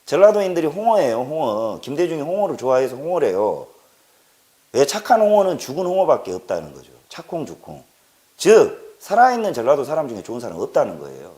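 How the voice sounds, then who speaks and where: A man's voice: mid-range voice, wildly swooping pitch, fast, warm tone. A man from Jeolla delivering an impassioned political monologue, stressing points by repeating words and asking rhetorical questions. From Jeolla, South Korea. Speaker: political commentator.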